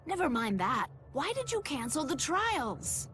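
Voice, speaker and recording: An actress voices an outspoken, easily indignant married townswoman gathering herbs in a video game, speaking bluntly and dramatically in a reproachful mood. Her voice is high, a bit bright, sing-song and exaggerated, and she speaks a little slowly. A faint hiss or hum sits under the recording.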